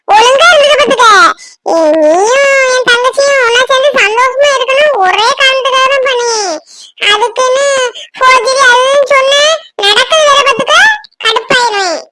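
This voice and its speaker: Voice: very high voice, pushed and bright, dry recording. A performer voicing a hot-tempered young husband faking an injury in a cartoon, talking snappily. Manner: snappy, scolding. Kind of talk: cartoon voice acting.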